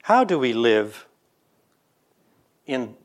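Slow, lively-pitched male preacher. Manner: earnest preaching with swings between loud emphasis and soft low lines; leads the congregation in call-and-response. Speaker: pastor. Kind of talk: sermon.

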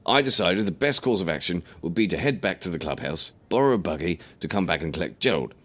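A man's voice: low voice, expressive, fast talker, a bit bright. A man voicing an elderly grandfather who tells a rambling, earnest tale. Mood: rueful. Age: older. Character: chatty elderly grandfather, injured golfer.

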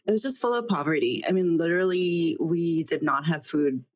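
A woman's voice: on the low side, normal speed, no echo. A woman from the Philippines, a guest on a podcast, telling her life story earnestly and laughing easily. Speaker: interview guest. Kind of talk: personal testimony in interview.

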